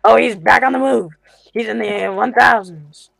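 A young man with a raspy voice, chatting casually while hosting a game challenge. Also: sits high, normal speed, a bit bright, no echo. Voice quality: raspy put-on voice. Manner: chatty, reacting to gameplay. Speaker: host running a game challenge. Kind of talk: casual gaming commentary.

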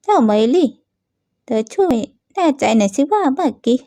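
A woman's voice: high voice, sing-song, normal speed, warm tone, dry recording, studio quality, voice pushed up. A woman voicing a loyal young female friend who speaks up protectively and pleads on another's behalf. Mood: indignant.

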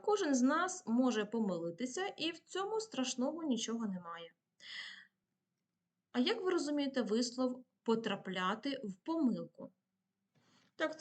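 A woman teacher giving a patient video lesson to primary pupils, asking questions and answering them herself. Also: a little high.

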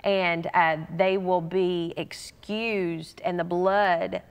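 A woman's voice: on the low side, little pitch movement, extremely slow, smooth, in a large hall, lo-fi sound. A woman pastor giving an earnest, conversational sermon, often restarting her sentences for emphasis.

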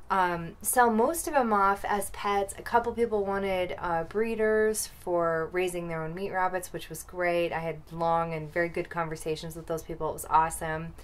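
Woman, 30s, casual vlogger, lowish pitch, chatty and playful, recorded outdoors close to camera. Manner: chatty, playful, quick asides. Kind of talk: casual chat. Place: outdoors by rabbit hutches in a yard.

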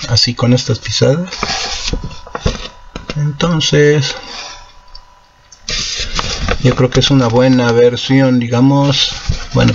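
After singing a cover, a man who hosts a guitar channel talks it through loosely, full of fillers and self-corrections. The recording of his mid-range voice is muffled and noisy, and acoustic guitar sounds in the background.

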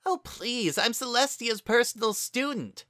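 A woman's voice: fairly high pitch, lively intonation, measured pace, no echo, clean studio sound, pitched above the performer's own voice. A narrator voicing a proud, prickly young female unicorn pony student, raised well above their own voice. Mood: angry. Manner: defensive, sharp-tongued.

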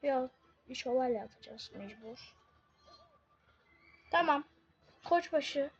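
A woman giving casual live commentary on her own game, excitable, swinging from muttering to shouting. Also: high-pitched, slow pace, slightly rough, muffled recording, soft background music.

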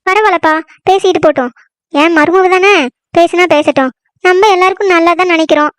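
A woman's voice: very high-pitched, fairly even intonation, a little fast, dry recording, studio quality. A woman voicing a scheming village mother-in-law in a cartoon, who talks meek and soothing but makes sly asides. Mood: falsely meek. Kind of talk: cartoon comedy voice acting.

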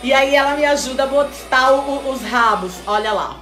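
A woman's voice: sits high, normal speed. A woman hosting a live stream sale, chatting and teasing as she reads out viewer comments. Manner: lively, chatty and teasing, calls viewers "mulher". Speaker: host selling wigs on a live stream. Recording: echoey room with faint music. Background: faint background music.

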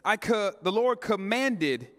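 A man's voice: high voice, very animated, takes it slowly, fairly bright tone. A male pastor preaching a live sermon, talking straight to his congregation in a casual, slangy way. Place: church sanctuary. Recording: long reverb of a church hall.

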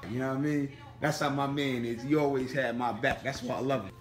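A young man talks in a loose, slangy vlog style, laughing easily as he chats with friends. His voice sits at a middle pitch, with faint music playing underneath. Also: fairly even intonation, a little fast, reverberant. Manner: laid-back slangy talk, laughs often. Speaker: vlogger, groom-to-be. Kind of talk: casual vlog chat.

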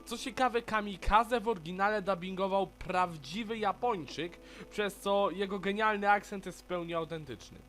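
A man's voice: sits high, moderate pace, hardly any pauses, fairly bright tone, soft background music. A man narrating a casual video review of a cartoon, frank and opinionated in a chatty way.

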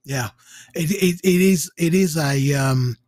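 A man hosts the chat on a close studio mic with headphones on, keen and tripping over his restarts. His voice sits high and sounds husky, and the sound is dry. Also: slow, darkish tone, dry recording. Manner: enthusiastic, stammering restarts. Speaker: host. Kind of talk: casual interview. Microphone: headset and studio mic.

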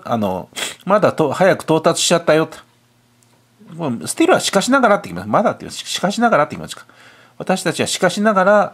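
Male tutor with a cold, husky voice, lively pitch, solving test items and thinking aloud. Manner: talks himself through answers, muttering asides. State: has a cold. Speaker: cram school teacher. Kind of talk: explaining English test questions. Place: tutoring classroom.

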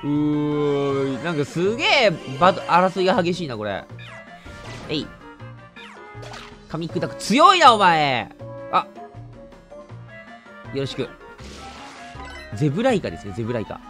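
Animated Kansai-accented gamer man. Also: on the high side, a little slow, long pauses, over music. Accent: Kansai Japanese. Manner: joking, exaggerated indignation, lively reactions. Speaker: game streamer. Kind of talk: let's play commentary.

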